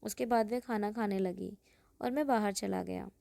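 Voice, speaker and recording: A woman narrating an emotional first-person story in a plain, even storytelling manner. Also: medium pitch, moderate pace, creaky, no echo.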